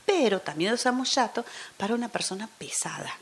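A woman guest, a teacher, talking through an interview in a thoughtful way and often dropping into soft near-whispers. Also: a little high, expressive, a little fast, slightly rough. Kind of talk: casual interview chat.

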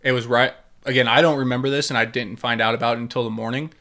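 A man's voice: mid-range voice, level tone, quick pace, bright, forceful tone. A man co-hosting a casual chat, telling rambling stories full of swearing, "like" and "dude". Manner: rambling storyteller, swears freely, lots of "like" and "dude".

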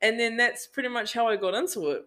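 Bright-voiced New woman. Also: fairly high pitch, quick pace. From New Zealand. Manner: relaxed storytelling with many fillers. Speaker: guest, event business owner. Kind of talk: casual podcast interview.

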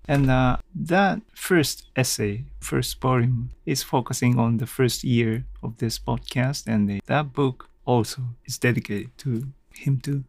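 A native Japanese speaker from Japan, with a Japanese accent and a medium-pitched voice, hosts a casual solo podcast. He thinks aloud haltingly as he goes.

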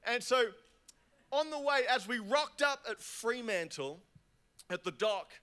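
A young man preaching a lively youth sermon, getting the crowd to repeat words after him. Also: very high-pitched, a little slow, clean tone. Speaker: youth pastor.

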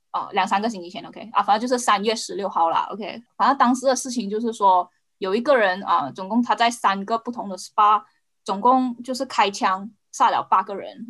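A woman's voice: mid-range voice, fairly bright tone. A woman in a casual discussion, searching for words and dropping English into her Mandarin. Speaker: podcast co-host.

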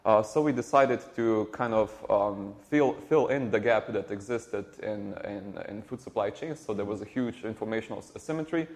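Lowish-voiced man, halting speech. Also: a little mellow. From Slovenia. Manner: halting, many repeated words and fillers. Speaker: startup co-founder guest. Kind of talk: conversational interview.

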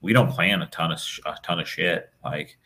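Young male podcast co-host, extremely low voice, loose unscripted chat full of "like" and "you know". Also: moderate pace, sharp tone. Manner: rambling, lots of fillers and restarts. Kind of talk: casual chat.

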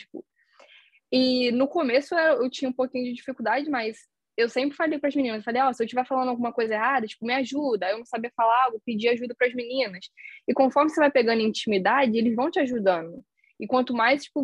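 A young woman student athlete chatting casually, slangy and relaxed with many fillers. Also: on the high side, dry recording. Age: young adult. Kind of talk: casual chat.

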